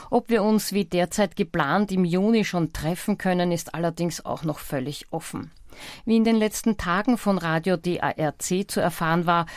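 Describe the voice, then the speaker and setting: A woman with an Austrian accent presenting an amateur radio bulletin, reading club news in an informal, somewhat halting way. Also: fairly low pitch, a little mellow, no room sound, clean studio sound.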